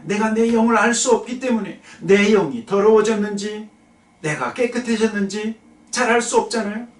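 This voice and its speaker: A man preaching a sermon as pastor, slowing to read scripture and putting questions to the congregation. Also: high-pitched. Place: church sanctuary. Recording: echoey church hall, mic at a distance.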